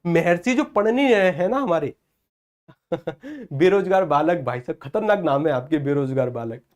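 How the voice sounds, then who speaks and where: A man teaching an exam-prep lecture, lively and playful, often asking questions and answering them himself. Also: a little high. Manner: lively, asks and answers his own questions; playful, acts out village celebration chants. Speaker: Hindi teacher.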